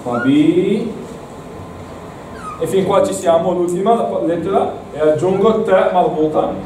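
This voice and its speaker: A man's voice: sits high, slow pace, darkish tone, a little hiss or hum. Man teaching a class in an echoey room. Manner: encouraging, repeats words for students. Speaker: Arabic teacher. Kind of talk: classroom lesson. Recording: echoey room, mic far off.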